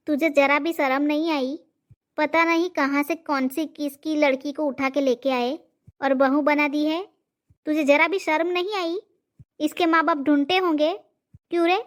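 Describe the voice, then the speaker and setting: A woman voicing a sharp-tongued old mother in a cartoon comedy, scolding and throwing insults. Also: sits high, steady tone, unhurried. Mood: angry interrogating.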